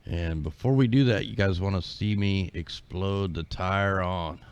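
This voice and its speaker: A man's voice: low-pitched, a little slow, clear, resonant tone, no echo. A man hosting a live call-in stream, chatting casually and in a laid-back, rambling way. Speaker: call-in livestream host. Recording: dull lo-fi stream audio.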